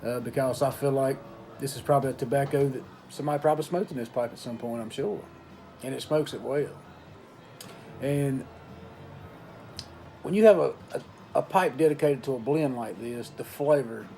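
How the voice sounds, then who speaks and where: A man giving a casual review in an unhurried, folksy way, pausing between short phrases. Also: mid-range voice, warm tone, slight background noise, poor audio. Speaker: pipe tobacco reviewer. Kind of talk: casual product review talk.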